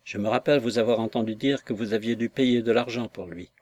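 A tender young girl begging her father softly, read by a male narrator. Her lines come as a gentle plea in an audiobook, lifted slightly above the reader's usual voice. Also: fairly low pitch, steady tone, quick pace, natural voice. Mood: pleading. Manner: pleading. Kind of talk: audiobook reading.

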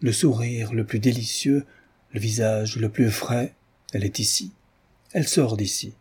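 Man doing a jaunty gallant gentleman rogue. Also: lowish voice, a little slow, slight background noise, lightly acted. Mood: playful. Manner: airy, polite, playful.

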